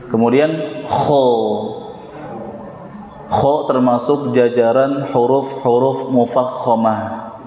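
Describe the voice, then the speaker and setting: Jakarta guy teaching tajwid drills, mellow voice, big reverby prayer hall. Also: mid-range voice. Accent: Indonesian, Jakarta. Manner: slow, patient, models each sound and repeats it. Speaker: Quran recitation teacher. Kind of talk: tajwid lesson with call-and-response drills.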